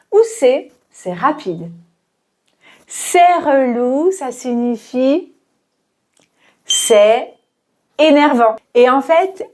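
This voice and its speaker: A woman teaching French expressions in a quiz-style lesson, talking clearly and deliberately with playful examples. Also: high voice, a little mellow.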